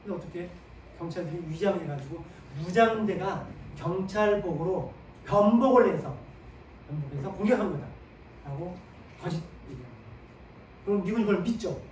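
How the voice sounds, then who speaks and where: A man with a fairly high voice lectures on history, quizzing his audience with questions and then answering them himself. He is picked up from a distance in an echoey lecture room, with faint ambient noise behind him. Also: normal speed, long pauses, a little mellow. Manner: sprinkles short "네" affirmations while explaining.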